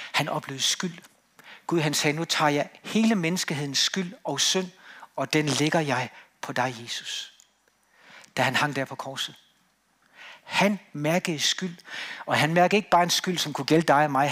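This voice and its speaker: A man preaching a sermon in a church, emphatic on key words and then dropping quiet. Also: a little high.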